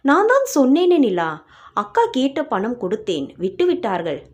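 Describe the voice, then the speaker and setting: A woman's voice: fairly high pitch, huge pitch swings, normal speed, darkish tone. A woman voicing a patient, affectionate young man who speaks in a soothing, teasing way. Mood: tender. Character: gentle patient young man, tender suitor.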